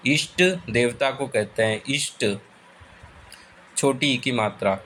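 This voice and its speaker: A man teaching exam spelling, saying each word slowly and repeating it for his students. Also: mid-range voice, fairly bright tone, a little hiss or hum, rough recording. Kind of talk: slow spelling lesson.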